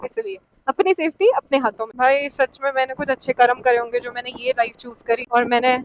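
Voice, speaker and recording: A young woman with a Pahari-accented Hindi voice, pitched high, chats straight to her viewers in a lively travel vlog. She talks outdoors on a snowy mountain pass, recorded on a handheld camera, and sounds a little short of breath from the altitude. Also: a little fast, highs cut off, slight background noise. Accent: Pahari-tinged Hindi. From Himachal Pradesh, India. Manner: chatty and excitable, addressing viewers directly. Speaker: solo motorcycle travel vlogger.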